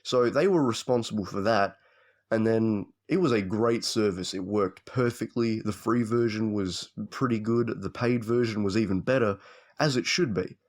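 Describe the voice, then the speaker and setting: A young man telling a story as a casual, profane rant, swearing constantly and animated. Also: fairly low pitch, normal speed. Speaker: vlogger.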